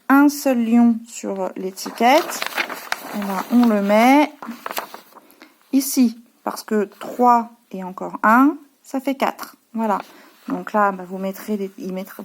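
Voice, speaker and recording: A woman teacher with a French accent, patiently explaining her pupils' home worksheets to parents, with many hesitations. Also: on the high side. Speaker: preschool teacher.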